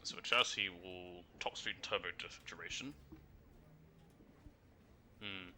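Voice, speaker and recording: A man talks through a video game casually, thinking aloud in a muttering way. His voice sits on the low side but has a very bright, sharp edge. Faint game ambience sits behind him. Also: a little slow, a little hiss or hum. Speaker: gamer doing a playthrough.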